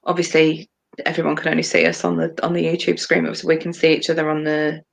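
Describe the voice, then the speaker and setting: Woman co-host, flat gravelly delivery, rambling with ums, video-call audio. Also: deep voice, quick pace. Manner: rambling, hesitant with many ums. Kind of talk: casual livestream discussion.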